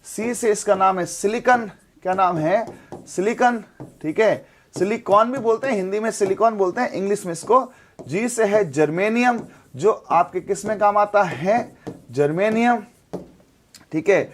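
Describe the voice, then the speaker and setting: A high-pitched man teaches a chemistry class. He drills the point over and over, asking a question and then answering it himself. His tone is that of a classroom lecture. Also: moderate pace, a little hiss or hum.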